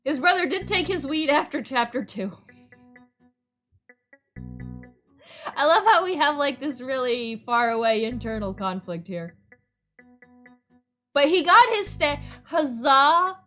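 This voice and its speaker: A playful, theatrical woman streams a visual novel reading with chatty, exclamatory commentary, her high, fairly bright voice full of lively intonation. She speaks slowly, pausing often, over background music.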